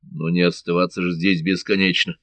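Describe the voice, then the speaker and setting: A commanding pirate captain, as a male audiobook reader voices him, low-pitched and curt. He gives short orders with little patience. The recording is dry and close. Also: flat delivery, a little fast, fairly bright tone, dry recording.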